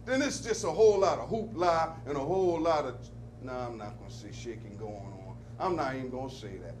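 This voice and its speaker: A man delivering preacher-style commentary on local affairs, with an emphatic call-and-response cadence that surges to loud peaks. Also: mid-range voice, lively intonation, a little fast, a little hiss or hum.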